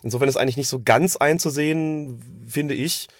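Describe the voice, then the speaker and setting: A man with a medium-pitched voice, slightly congested from a cold, speaks at a normal speed in a clean studio recording with no room sound. On a podcast, he offers casual, wordy, considered football commentary and analysis.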